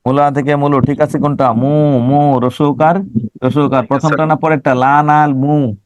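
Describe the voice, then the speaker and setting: A man's voice: a little high, level tone, a little slow, no room sound, highs cut off. A male teacher giving an online exam-prep class, emphatic, repeating words and sounding them out syllable by syllable.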